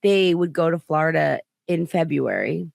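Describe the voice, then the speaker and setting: A woman's voice: sits low, lively intonation, normal speed, vocal fry, a little mellow, no room sound, clean studio sound. A woman comedian hosting a podcast, telling a rambling story in casual chat, full of fillers and acted-out quotes. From United States.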